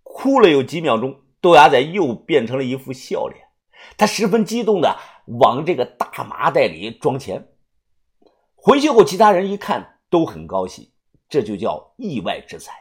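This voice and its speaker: A woman reading a novel aloud as an audiobook narrator, telling the story in an expressive way. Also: a bass voice, normal speed, husky.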